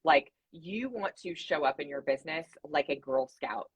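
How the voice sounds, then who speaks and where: Woman podcast co-host, low husky voice, relaxed storyteller. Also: moderate pace, highs cut off. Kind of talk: casual chat.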